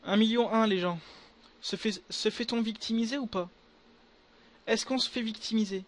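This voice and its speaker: A young man giving casual gameplay commentary to his viewers, excitable and full of crude slang. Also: high voice, normal speed. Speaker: gaming video creator.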